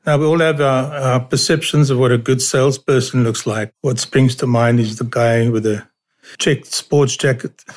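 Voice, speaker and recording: A podcast interview host with a mid-range, steady voice asks questions at a moderate pace in a conversational style. He backs his guest with frequent "mm-hmm" murmurs of agreement.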